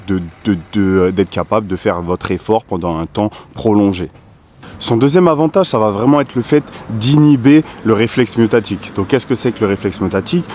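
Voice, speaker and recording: A man's voice: fairly low pitch, darkish tone, slight background noise. A man explaining pull-up technique as a fitness coach, often checking in with the viewer and straining as he demonstrates. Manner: explanatory, repeats "d'accord", strains while demonstrating. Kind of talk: instructional fitness video.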